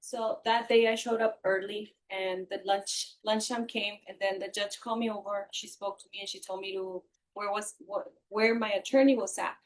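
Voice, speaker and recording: A woman's voice: mid-range voice, flat delivery, moderate pace, hardly any pauses, poor audio. Female court interpreter, faint background noise.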